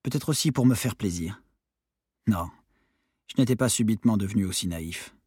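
A man reading a novel aloud as a calm, quiet first-person narrator. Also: on the low side, normal speed, slightly rough, no room sound, studio quality. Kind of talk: audiobook narration.

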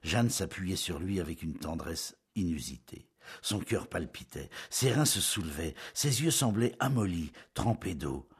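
Deep, husky male storybook narrator. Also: lively intonation, measured pace. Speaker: audiobook narrator. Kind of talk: scripted literary narration.

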